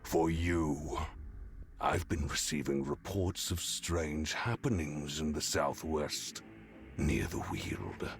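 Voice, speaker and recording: A menacing game sovereign speaks in an extremely deep, gravelly growl. He is slow, formal and commanding, with prominent music behind him. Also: animated, exaggerated voice. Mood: stern suspicion. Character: stern, menacing male sovereign giving orders.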